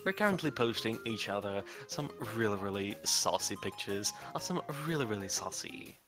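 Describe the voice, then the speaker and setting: A man's voice: on the low side, big pitch swings, moderate pace, over music. A man playing a tabletop game, casually narrating his character's actions and chatting with the group. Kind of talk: casual role-play narration with table talk.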